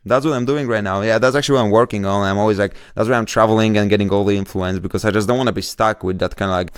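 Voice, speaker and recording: Chill guy, low voice, dry close sound, says man a lot. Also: fairly even intonation, very fast, smooth, no room sound. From Poland. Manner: laid-back, frequent "man" and "like". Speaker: guest tattoo artist. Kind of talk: casual podcast chat.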